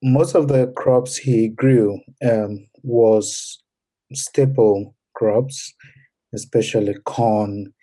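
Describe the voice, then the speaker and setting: A young man with a Ghanaian accent, a guest in a podcast interview, speaking in a measured way with frequent pauses and fillers. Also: mid-range voice, warm tone. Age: young adult.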